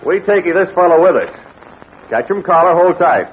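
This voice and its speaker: A man's voice: sits high, lively intonation, normal speed. An actor playing a tough, wisecracking male adventurer in 1940s radio-serial style, breezy and bossy, heard as an old radio show. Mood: commanding. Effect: old radio show sound. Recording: tinny old radio broadcast with faint hiss.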